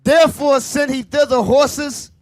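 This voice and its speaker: A man's voice: extremely high pitch, steady tone, unhurried, no echo. A man reading Bible verses aloud to a class, declaiming the old-fashioned wording with rising emphasis. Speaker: scripture reader.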